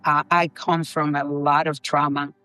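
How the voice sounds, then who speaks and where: A woman's voice: sits low, flat delivery, unhurried, bright, forceful tone, clear, resonant tone, no room sound, soft background music. Enthusiastic woman from the Dominican Republic. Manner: enthusiastic, emphatic, repetitive. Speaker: guest, co-founder of a leadership program. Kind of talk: interview answers.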